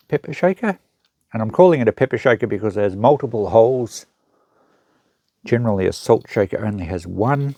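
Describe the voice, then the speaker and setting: An Australian man, host of an unboxing channel and secondhand seller, casually and matter-of-factly talks through items he shows, thinking aloud in unscripted commentary. His voice is mid-range with a darkish tone, captured in clean studio sound without echo.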